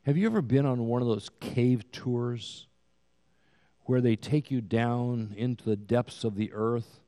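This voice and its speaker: A man in his sixties preaching a sermon as pastor, with slow, emphatic delivery that swells to loud peaks, recorded in a church sanctuary. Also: medium pitch. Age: 60s. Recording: long hall reverb.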